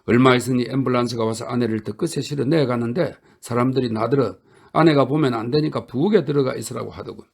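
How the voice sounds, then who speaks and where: Gravelly male audiobook narrator. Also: medium pitch. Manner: calm, steady reading.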